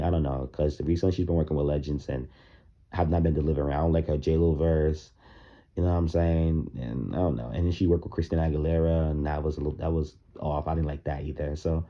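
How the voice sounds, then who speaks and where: A man's voice: very deep voice, fast talker. A man giving casual, opinionated commentary on music, talking loosely with plenty of fillers, in his morning voice. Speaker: music reaction vlogger. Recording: dull lo-fi recording.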